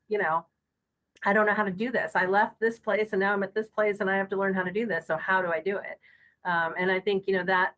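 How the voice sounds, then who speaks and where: A woman's voice: mid-range voice, fairly bright tone, poor audio. A middle-aged woman speaking as a podcast guest on school technology, earnest and casual, full of fillers and restarts.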